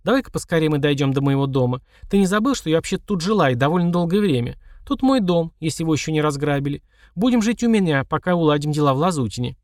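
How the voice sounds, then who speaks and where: A quick-tempered sorceress, as a male reader voices her, bossy and sharp-tongued, lifted well above a man's own pitch. Recorded close and dry. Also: animated, dry recording, natural voice. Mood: brisk. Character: hot-tempered middle-aged woman mage, bossy.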